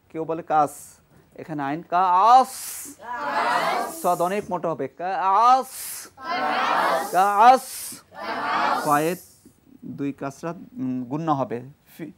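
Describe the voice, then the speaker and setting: A man teaching Quran reading on a TV lesson, spelling out each letter and vowel mark and having a group of children repeat after him, now and then reciting the verse in a slow, drawn-out way. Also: fairly high pitch, very noisy. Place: TV studio with a children's class. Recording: broadcast studio with a group of children. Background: children chanting along.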